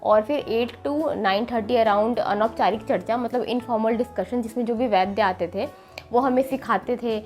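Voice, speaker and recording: A young woman, a medical student, explaining her daily routine in a steady vlog with frequent pauses to think. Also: on the high side, soft background music.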